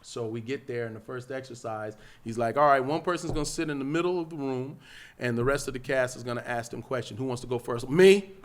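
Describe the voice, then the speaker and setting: A man with a Los Angeles accent, a podcast guest telling an animated story and acting out the quotes. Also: medium pitch, fast talker. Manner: lively, acts out quotes, loud and laughing at the peaks.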